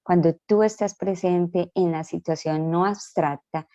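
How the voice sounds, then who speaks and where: A woman tells her story in an earnest testimony, voicing her prayers as she goes. Her voice is dark and mellow and sits fairly low. The sound is dry and a little dull. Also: steady tone, measured pace, no room sound. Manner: earnest, reenacts her prayers in quoted speech. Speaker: guest. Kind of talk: personal testimony in a prayer talk.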